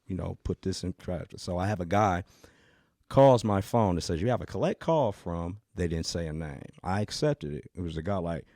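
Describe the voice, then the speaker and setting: A man co-hosting a comedy podcast, telling a story in a loose, animated way and acting out other people's lines. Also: low-pitched, moderate pace, no room sound, studio quality. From United States. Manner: animated storyteller, acts out voices of callers. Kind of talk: casual storytelling chat.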